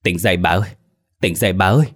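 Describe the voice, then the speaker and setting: A coarse older village father, as a male narrator puts him on in a spoken horror story. He swears freely and talks rough, in a low voice. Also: quick pace. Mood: pleading.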